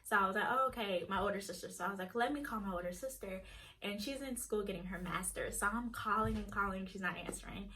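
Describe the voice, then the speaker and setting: Young woman, vlogger, bright tone, chatty storytelling, acts out quoted lines. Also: mid-range voice, quick pace, faint music behind. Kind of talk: casual storytelling to camera.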